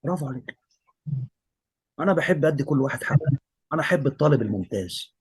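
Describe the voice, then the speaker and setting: A man's voice: medium pitch, expressive, fast talker, slightly rough. A man with an Egyptian Arabic accent, an English teacher giving emphatic commentary and repeating his praise of a student.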